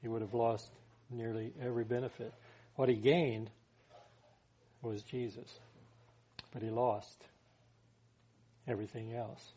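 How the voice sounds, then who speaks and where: A man's voice: mid-range voice, dark tone, slightly rough. A man preaching a sermon as a pastor, talking in a conversational way and putting scripture into plain everyday words.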